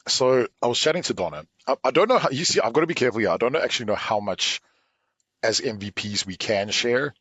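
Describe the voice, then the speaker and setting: A man's voice: mid-range voice, lively intonation, fast, a bit bright, husky, no echo. A man co-hosting a podcast, joking and teasing in casual chat. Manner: joking, teasing, says "dude" and "bro". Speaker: podcast co-host.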